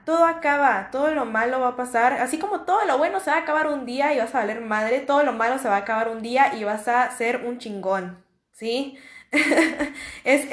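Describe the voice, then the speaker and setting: Young woman, Mexican accent, fairly high voice, casual and reassuring, slangy, echoey room. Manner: warm, slangy, reassuring, repetitive. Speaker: podcast host. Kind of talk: casual motivational monologue.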